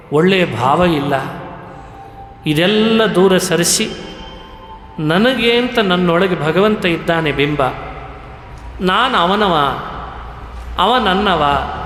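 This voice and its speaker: A man giving a devotional sermon, speaking in a slow, measured way and now and then chanting verses. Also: high-pitched, fairly bright tone, slight background noise. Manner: slow and measured, breaks into sung Sanskrit verses. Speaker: religious discourse speaker. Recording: echoey hall with faint ambience.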